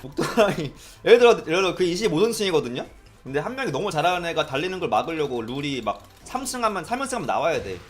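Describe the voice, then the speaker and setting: Animated Korean man telling stories, lively pitch. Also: quick pace, faint music behind. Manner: animated, mimics people in quoted lines, laughs often. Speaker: streamer recalling arcade days. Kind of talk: casual storytelling chat.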